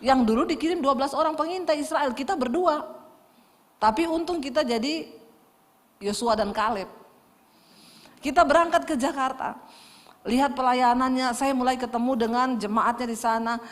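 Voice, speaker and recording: A woman's voice: high-pitched, normal speed, pauses often. A middle-aged woman pastor, preaching a storytelling sermon. She talks straight to the congregation and acts out the dialogue in her stories. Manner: lively, addresses the congregation directly, acts out quoted dialogue. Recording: long reverb of a church hall.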